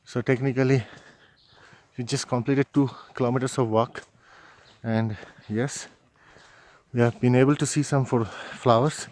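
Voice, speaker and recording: A man's voice: medium pitch, steady tone, measured pace, pauses often, darkish tone. A man vlogging casually as he hikes an outdoor mountain trail, filming on a phone and thinking aloud. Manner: chatty, thinking aloud while hiking. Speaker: travel vlogger. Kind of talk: casual walking commentary. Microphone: handheld phone camera.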